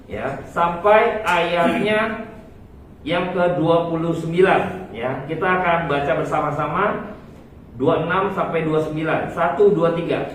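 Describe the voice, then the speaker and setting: A man leads a church Bible reading and sermon in a halting way, full of fillers and small corrections. His voice sits fairly high for a man. It comes from far off the mic in a strongly echoing hall. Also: a bit bright, slight background noise. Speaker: preacher.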